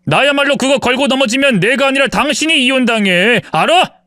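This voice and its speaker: Guy doing a scornful cheating husband, mocking, bit high-pitched, dead dry sound. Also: expressive, brisk, pushed and bright, no echo, exaggerated voice. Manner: contemptuous, mocking, self-justifying. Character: arrogant cheating husband, forties, sneering. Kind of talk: dramatized story reading.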